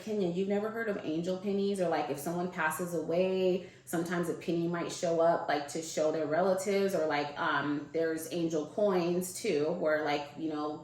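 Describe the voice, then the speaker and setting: Low-voiced woman telling a story, echoey room. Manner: animated, mimics quoted people in a higher voice. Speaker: guest. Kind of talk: casual storytelling.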